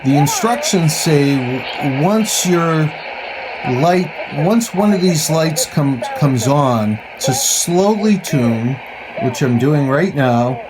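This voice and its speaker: Over crowd noise and poor audio, a man with a high-leaning, expressive voice shows off a gadget casually as a hobbyist reviewer. He pauses mid-phrase and sounds skeptical and opinionated.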